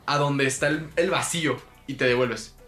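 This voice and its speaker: A young man with a Mexican Spanish accent, co-hosting a podcast in fast, slangy banter full of "güey.". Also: medium pitch, a bit bright, echoey room, soft background music. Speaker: podcast co-host. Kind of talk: casual chat.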